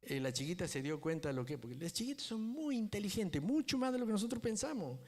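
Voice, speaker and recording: A man's voice: sits high, sing-song, fast, a little mellow. A man preaching a sermon as a pastor, telling a story and often checking in with the congregation. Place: church.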